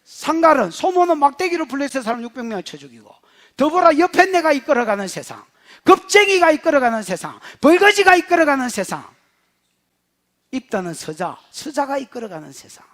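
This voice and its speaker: A middle-aged male pastor with a Gyeongsang Korean accent, preaching in a humorous, animated storytelling manner. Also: very high voice, a little fast. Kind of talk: sermon.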